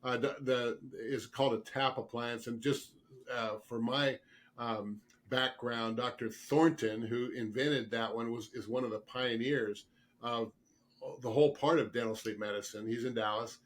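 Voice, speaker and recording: Appearing as a guest expert in an interview, a dentist who specializes in dental sleep medicine explains things earnestly. His mid-pitched voice is slightly rough from a cold he's recovering from, with throat clearing and coughs. He repeats words for emphasis, keeping a fairly even intonation and a slightly slow pace.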